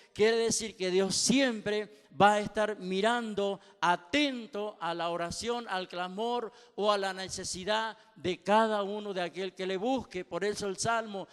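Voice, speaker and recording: Pastor guy preaching, high clear voice, phrases repeated, hall echo. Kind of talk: sermon. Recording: long hall reverb.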